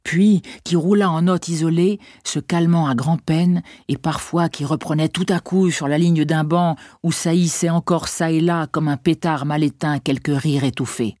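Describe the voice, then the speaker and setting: A reader narrating a classic novel as an audiobook in a measured, expressive literary style. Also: medium pitch, no room sound, clean studio sound.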